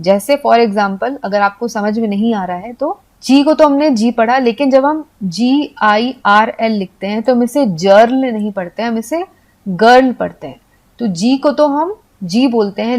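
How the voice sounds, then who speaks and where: Woman teacher, slightly high voice, patient step-by-step explainer of letter sounds, classroom lesson tone. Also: darkish tone. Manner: patient, repeats points with examples. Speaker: English teacher.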